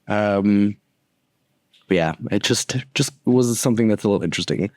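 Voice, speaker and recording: Laid-back young man with a lowish voice. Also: moderate pace, no echo, clean studio sound. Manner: rambling, profane, laughs often. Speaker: podcast co-host. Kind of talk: casual movie review chat.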